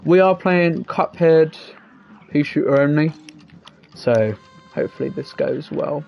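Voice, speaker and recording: A man's voice: on the high side, measured pace, creaky, darkish tone. Chatty man streaming. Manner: chatty, rambling, reads chat aloud, frequent laughs. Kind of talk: casual live-stream chat. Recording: slightly dull lo-fi mic with faint game music.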